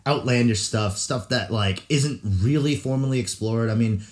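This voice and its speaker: A man's voice: mid-range voice, moderate pace. A young man from California co-hosting a podcast in casual chat, joking loosely with many fillers. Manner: loose, jokey, full of fillers. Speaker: podcast co-host.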